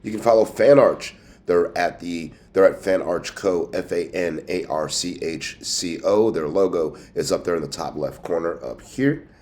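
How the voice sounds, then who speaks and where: Congested, nasal low-voiced man. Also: normal speed, a little mellow. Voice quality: congested, nasal, as with a pinched nose. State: has a cold with a scratchy throat. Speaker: host of a sports team news show. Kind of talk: casual sports commentary.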